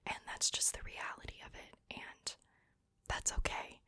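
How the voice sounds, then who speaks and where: A woman's voice: unhurried, pushed and bright, no echo. A woman whispering breathily, very close to the ear, in a casual ASMR chat. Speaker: ASMR video maker. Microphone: very close to the mic, ear to ear.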